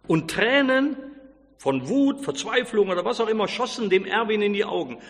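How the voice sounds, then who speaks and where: Animated man telling a sermon story. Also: sits high, big-room sound. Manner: animated storyteller acting out quoted lines.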